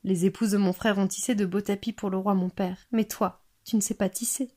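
A woman's voice: medium pitch, fairly even intonation, a little fast, warm tone, lightly acted. A woman voicing a gloomy young male prince in a fairy tale reading, speaking plaintively. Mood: sighing.

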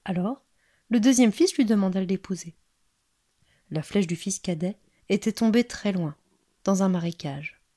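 A woman reading folk tales aloud in a gentle, soothing storytelling manner. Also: medium pitch, moderate pace, long pauses. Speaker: storyteller for a museum. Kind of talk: calm read-aloud storytelling.

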